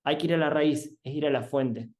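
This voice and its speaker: A man's voice: fairly high pitch, normal speed. Earnest therapist man. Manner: calm, earnest, emphatic explaining. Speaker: family constellation therapist, guest. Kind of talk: guided visualization and explanation.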